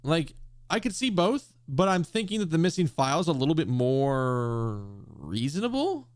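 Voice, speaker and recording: A man's voice: on the high side, very animated, normal speed, dry recording, studio quality. A man giving casual game commentary, thinking aloud in a hesitant, questioning way. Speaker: gamer playing and reading aloud a visual novel.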